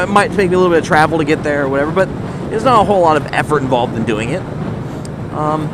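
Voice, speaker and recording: A man talking casually and earnestly from inside a motorcycle helmet as he rides, rambling and thinking aloud in a motovlog. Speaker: vlogger talking to subscribers. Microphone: microphone inside a motorcycle helmet. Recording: loud engine rumble and road noise.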